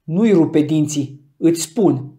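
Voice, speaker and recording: A man voicing a rough, threatening dog owner who speaks in a slow drawl, in an audiobook reading. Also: fairly high pitch, mellow, natural voice.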